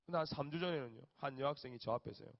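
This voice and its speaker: A man, a youth pastor telling lively stories in his sermon. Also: medium pitch, racing, vocal fry. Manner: animated storyteller, acts out family voices. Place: church hall. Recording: dull echoey church hall recording.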